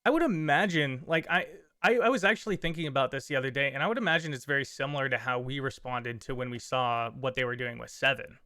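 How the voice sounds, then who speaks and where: A man's voice: mid-range voice, fast talker, few pauses, sharp tone, smooth, no room sound. A man co-hosting a casual podcast, rambling and enthusiastic, with dry sarcasm. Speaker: podcast co-host. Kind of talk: casual chat.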